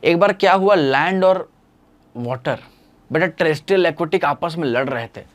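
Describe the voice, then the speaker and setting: A man's voice: fairly high pitch, lively intonation, normal speed. A man teaching a biology lesson online in a playful, storytelling way, calling his students "beta".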